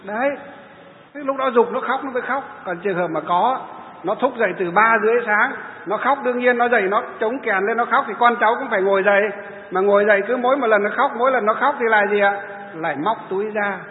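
A man delivers a Buddhist dharma talk, throwing rhetorical questions at his listeners and then answering them himself. His voice sits high, and it comes through thin and tinny, with a long hall echo and a faint background hum. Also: quick pace. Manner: mimics wailing funeral laments. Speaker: Buddhist preacher. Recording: echoey hall over a tinny line.

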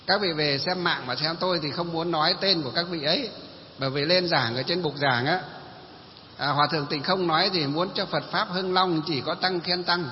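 A male Buddhist preacher delivers a sermon, posing rhetorical questions and answering each one himself. His voice sits a little on the high side and trails off in a long hall reverb. The recording is dull and lo-fi, with a faint hiss underneath.

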